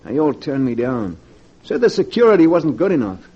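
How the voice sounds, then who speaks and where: In a 1940s radio drama, an actor plays a desperate, broke male locksmith, strained and pleading, in a very animated, dark voice on the high side with a breathy edge at a moderate pace. The vintage recording sounds dull and includes music.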